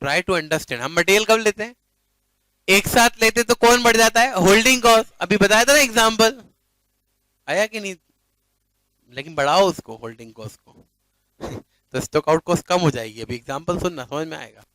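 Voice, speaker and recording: A man's voice: high-pitched, normal speed, pauses often, bright, forceful tone, no room sound, poor audio. A male commerce teacher lecturing a class playfully, often checking that students follow and mixing English phrases into his talk.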